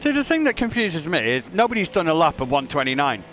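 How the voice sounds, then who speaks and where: A man's voice: on the high side, sing-song, quick pace, a bit bright, a little hiss or hum. A man commentating live on an online sim race, chatty and joking, reading out lap times. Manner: chatty, jokey, reads lap times aloud.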